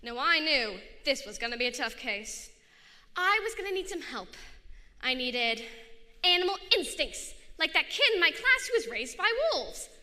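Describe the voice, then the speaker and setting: A woman's voice: sits high, very animated, moderate pace, sharp tone, voice pushed up, heavily acted. A woman voicing a boastful, self-assured boy detective telling his story. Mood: cocky. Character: confident boy kid detective narrating. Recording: echoey hall.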